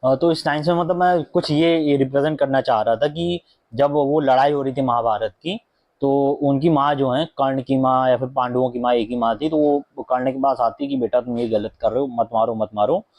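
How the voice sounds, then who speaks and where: A man's voice: medium pitch, fairly even intonation, normal speed, a little mellow, no echo. A young man reviewing a book in a casual home vlog, chatting in a loose mix of Hindi and English with plenty of fillers and asides. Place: indoor room at home with a fan running.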